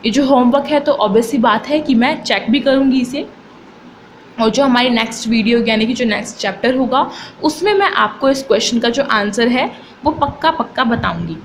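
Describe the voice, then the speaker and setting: A woman teacher gives an exam-prep video lesson. She reads the options slowly and deliberately, then explains them in chatty Hindi. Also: fairly high pitch, slight background noise, poor audio.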